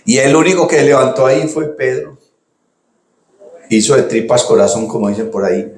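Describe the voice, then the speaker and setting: A male pastor with a Colombian accent delivers a conversational sermon in a middle-pitched voice. He keeps asking "¿cierto?", calls listeners "hermano", and jumps high and loud when he acts out quoted cries. The roomy recording gives his voice a clear echo. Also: normal speed. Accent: Colombian Spanish. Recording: roomy, echoey sound.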